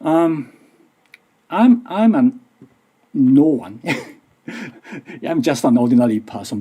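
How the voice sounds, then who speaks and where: A medium-pitched voice with a dark tone and a breathy edge belongs to a middle-aged university lecturer from Japan. He gives a conference talk in English, his second language, with a Japanese accent, speaking carefully, somewhat nervously, and with frequent restarts.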